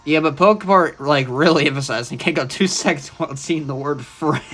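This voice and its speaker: A young man with a slightly raised pitch gives live gameplay commentary. He chats in an easy, opinionated way while he plays, and faint game music sits under his voice. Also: normal speed, fairly bright tone. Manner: casual, opinionated, chatting while playing. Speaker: livestreamer.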